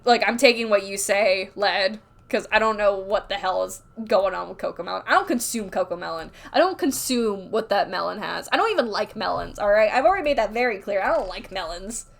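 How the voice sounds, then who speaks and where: A woman's voice: mid-range voice, lively intonation, a little fast, vocal fry, hardly any pauses. A woman livestreaming while drawing, rambling candidly in casual chat, full of filler words, reading chat aloud and reacting.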